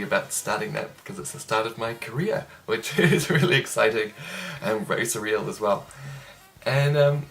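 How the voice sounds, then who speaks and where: Relaxed young New man chatting. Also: on the low side. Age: young adult. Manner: relaxed, chatty, self-deprecating with frequent ums. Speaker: trumpet player. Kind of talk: casual video interview answers.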